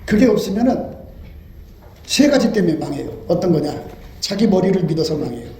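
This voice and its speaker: A man's voice: sits high, big pitch swings, fairly quick, vocal fry, dark tone, a little hiss or hum. A male pastor preaching an impassioned sermon, acting out pleading prayers as he goes. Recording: roomy echo.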